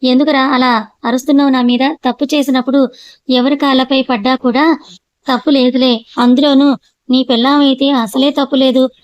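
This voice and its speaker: A woman voicing a teasing, sharp-tongued old grandmother in an audio story. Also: sits high, flat delivery, normal speed, no echo, dull audio, natural voice. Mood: scolding. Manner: scolding, mocking.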